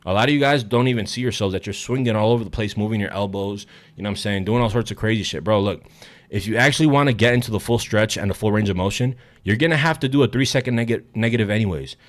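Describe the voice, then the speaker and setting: A young man with a slightly low voice coaching gym technique straight to camera. He talks in a blunt, hyped, swear-heavy way and sounds a little out of breath. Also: fast talker. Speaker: fitness coach. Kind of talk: direct-to-camera fitness vlog.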